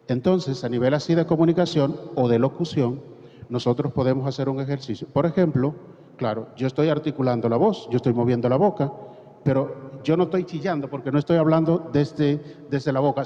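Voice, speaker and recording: Mellow Dominican man teaching in an echoey hall. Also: medium pitch. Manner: didactic, poses rhetorical questions and demonstrates. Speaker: course facilitator. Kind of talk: parish training class. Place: parish hall. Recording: reverberant hall, dull lo-fi sound.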